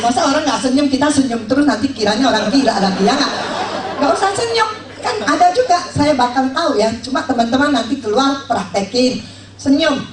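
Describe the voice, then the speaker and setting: Woman, sales trainer, animated, joking, acts out scenes, slightly high voice, echoey room. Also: far from the mic, slight background noise. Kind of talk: lively motivational sales talk.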